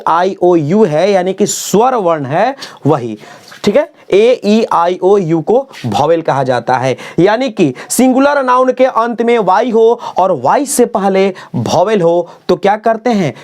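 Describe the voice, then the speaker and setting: A man teaching English grammar in a classroom-style lesson. He spells words out letter by letter, repeats key phrases slowly and keeps checking "okay?". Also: high-pitched, darkish tone.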